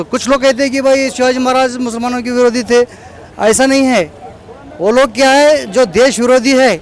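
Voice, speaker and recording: A man being interviewed outdoors at a celebration, talking earnestly and repeating his points, with English words mixed into his speech. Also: extremely high pitch. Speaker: local organizer interviewed at a celebration. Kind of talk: informal street interview.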